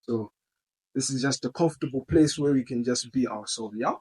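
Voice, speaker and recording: A man hosts a casual podcast, his voice mellow and dark with a husky edge. He teases his guest playfully and throws in slangy asides. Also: mid-range voice, normal speed, low-quality recording. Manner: playful, teasing, slangy interjections. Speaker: podcast host.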